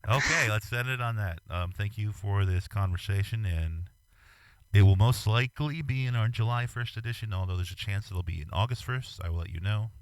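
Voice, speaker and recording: A man's voice: on the low side, fairly quick, a little hiss or hum. A man interviewing an artist over a call, speaking hesitantly with many ums as he thinks aloud. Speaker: magazine interviewer. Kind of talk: casual interview chat.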